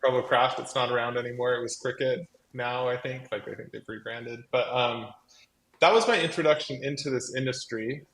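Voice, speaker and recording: This crafting company co-founder talks briskly at a medium pitch, with fairly even intonation and a fairly bright tone. As a live stream guest, he chats casually and effusively about his own story, saying "like" a lot in a voice that carries, amid roomy echo and faint background noise.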